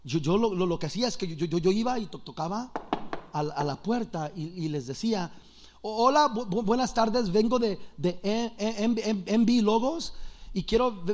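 Man doing a shy stuttering Bible salesman, very high voice dropped far lower, soft and hesitant. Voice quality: heavy stutter, low and quiet. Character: timid stuttering young male Bible seller.

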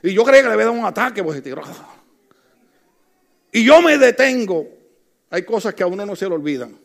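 A man's voice: high voice, big pitch swings, fairly quick, gravelly. A middle-aged man preaching a sermon, telling funny stories and calling out to the congregation. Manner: humorous storytelling, calls out to the congregation. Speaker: pastor.

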